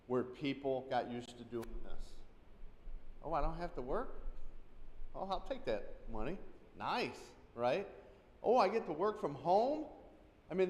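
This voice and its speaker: A middle-aged man giving a safety class, telling stories and acting out quoted lines with loud emphatic bursts. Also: a little high. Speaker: safety trainer. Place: church hall. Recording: echoey hall, long reverb.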